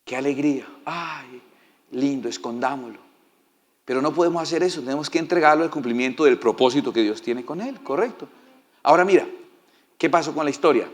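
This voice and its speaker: Brief: male preacher, sermon, folksy and humorous, fairly high voice. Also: fast talker. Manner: folksy, joking, asks the congregation for assent. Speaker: pastor.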